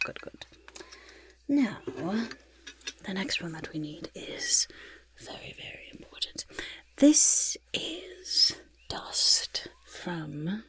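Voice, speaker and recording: Here a woman gives voice to a goblin potion-maker who fusses with delight, murmuring and echoing her own words in a breathy, creaky half-whisper for a gentle ASMR roleplay. The voice is lowish and exaggerated, with no room sound at all.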